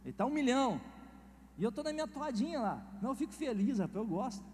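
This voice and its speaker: A man's voice: very high-pitched, big pitch swings, fast talker, darkish tone. A middle-aged man with a Brazilian Portuguese accent, preaching a sermon in a folksy storytelling way and acting out the dialogue. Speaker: pastor. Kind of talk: sermon with personal anecdotes. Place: church hall. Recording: reverberant hall, faint noise.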